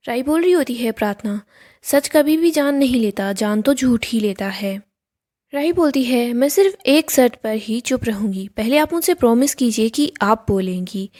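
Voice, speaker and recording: A woman reading a scripted recap of a TV serial, telling the scenes and reading the characters' lines aloud in an even storytelling tone. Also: on the high side.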